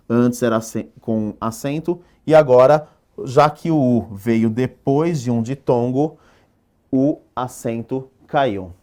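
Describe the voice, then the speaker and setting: A man with a Brazilian Portuguese accent teaches an exam-prep lesson at a board, explaining step by step and frequently checking in with the class. His voice is fairly high with a darkish tone.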